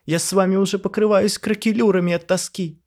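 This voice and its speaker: A man voicing Pyotr, a pompous, theatrical male figure in a painting who speaks in a shrill, florid, declaiming way. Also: steady tone, brisk, a little mellow. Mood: grandiloquent.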